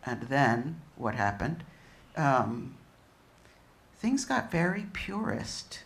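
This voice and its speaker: A woman speaking as a panelist at a museum discussion, emphatic with drawn-out phrasing. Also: very deep voice, sing-song. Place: museum event room.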